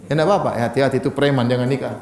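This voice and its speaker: A man's voice: medium pitch, steady tone, very fast, darkish tone, roomy sound. A man giving a casual, joking sermon and answering audience questions as a preacher. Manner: conversational, joking asides. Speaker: Islamic preacher.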